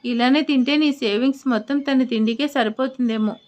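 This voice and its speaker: A grumbling older father-in-law who nags and scolds his son, voiced by a woman narrator. He complains in a fairly high voice. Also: brisk, darkish tone, close to an everyday voice.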